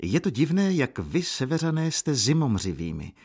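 A man voicing a proud, motherly Roman landlady in her forties, with a husky voice pushed higher. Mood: proud coaxing. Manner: lively, coaxing, proud.

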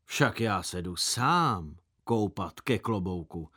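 A man's voice: fairly low pitch, lively intonation, pushed and bright, husky, voice pushed down, full character voice. A man voicing a proud, boastful schoolboy who argues back stubbornly in a storybook reading. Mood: defiant.

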